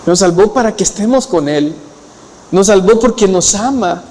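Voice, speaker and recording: A man preaching an expository sermon, retelling scripture in his own words and rising in pitch when he presses a point. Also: expressive, moderate pace, a little mellow. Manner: retells scripture in acted quotes, lowering his voice for them. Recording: long hall reverb.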